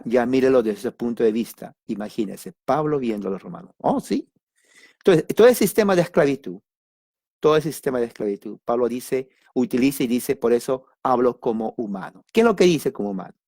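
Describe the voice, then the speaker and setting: A man leads an informal Bible study in a relaxed, conversational way, often turning to his listeners to check they follow. His voice is warm and mellow at a middle pitch. The sound is dry, with no room around it. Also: no echo. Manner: conversational, addresses listeners directly with frequent "ok"; emphatic asides and sudden exclamations. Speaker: Bible teacher.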